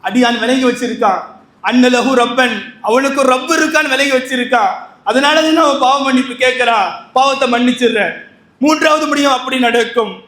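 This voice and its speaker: A man's voice: very high voice, a little fast, a bit bright. A man preaching a sermon on repentance, impassioned, repeating his lines and asking rhetorical questions. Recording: echoey room.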